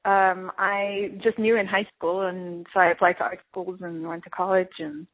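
A woman's voice: fairly low pitch, flat delivery, normal speed. A woman from Turkey, an artist, answering interview questions in a reflective, casual way with many fillers and light laughs. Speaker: artist and guest. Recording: narrow phone-like sound.

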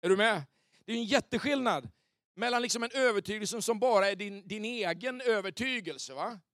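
A male pastor preaching an animated sermon in a church, often checking if the congregation is with him. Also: sits high, dry recording, studio quality. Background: soft keyboard pads.

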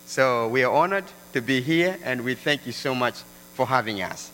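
Earnest guy from south sudan giving a church testimony, bright voice, big reverby hall, faint hum. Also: mid-range voice, animated, normal speed. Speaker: guest speaker. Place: church sanctuary.

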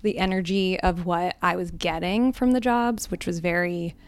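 A woman on the hot seat at a live event, telling personal stories in a candid, reflective way with frequent soft ums. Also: on the low side, fairly even intonation, moderate pace, smooth, dry recording. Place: live event before a small audience.

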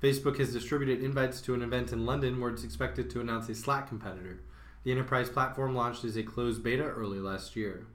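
A man presenting a scripted tech news segment in an even, measured way. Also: mid-range voice, roomy sound.

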